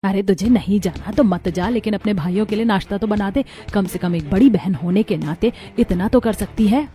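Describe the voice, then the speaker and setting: A woman's voice: mid-range voice, moderate pace, dark tone, close to an everyday voice. A woman voicing a stern mother who favors her sons, in a cartoon story, speaking in a scolding, harsh way. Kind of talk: cartoon voice acting.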